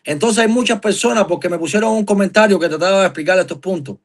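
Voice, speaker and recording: A man's voice: high voice, fast. An earnest Cuban man speaking as a guest in a live-stream discussion, making emphatic points and asking long questions. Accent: Cuban Spanish. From Cuba.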